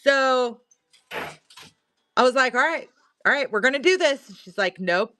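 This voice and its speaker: A middle-aged woman with a Missouri accent chats in a rambling, easygoing way as she runs a live selling stream. Her voice sits a little high and reaches the ear dry and close, with no room sound. She reads viewer comments aloud between bits of her story. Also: lively intonation, a little slow, sharp tone, dry recording. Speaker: livestream seller.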